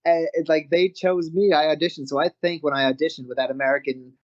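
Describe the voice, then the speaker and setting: A man's voice: a little high, fast talker. A man with a Canadian accent, a wrestler guest telling stories in a casual interview and often laughing as he talks. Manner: animated, laughs often mid-story. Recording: slightly muffled audio.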